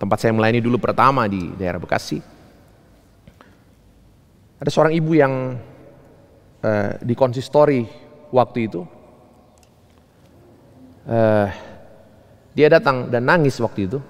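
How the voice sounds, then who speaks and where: A man's voice: mid-range voice, expressive, measured pace, pauses often, big-room sound. A man preaching a sermon as a pastor, telling stories and acting out the dialogue with rising emphasis. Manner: storytelling, acts out quoted dialogue with rising emphasis. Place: church.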